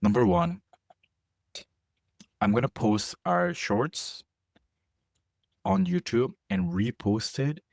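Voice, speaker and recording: On the low side with vocal fry, this podcast co-host talks slowly with long pauses, recorded without echo. He's a young man of Korean descent who grew up abroad, keeping things playful, jokey and animated while frequently correcting himself mid-sentence.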